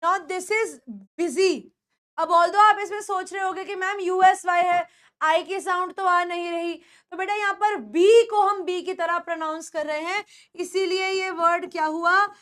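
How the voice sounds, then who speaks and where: A woman's voice: very high voice, fairly even intonation, a little slow, a bit bright. A woman whose first language is Hindi, teaching English pronunciation in a classroom style, repeating words and asking her pupils questions.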